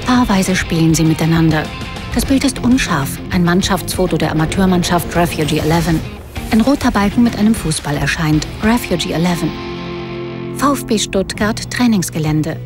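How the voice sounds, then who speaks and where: A woman with a fairly low voice reads audio description in a calm, even, matter-of-fact way. She is recorded close on a studio voice-over mic, with music playing underneath. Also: normal speed. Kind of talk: scripted audio description narration.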